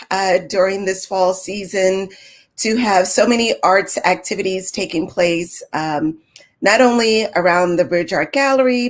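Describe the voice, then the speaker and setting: A woman hosting an artist conversation over a video call, upbeat and enthusiastic, chatty with frequent fillers. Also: on the low side. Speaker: gallery host.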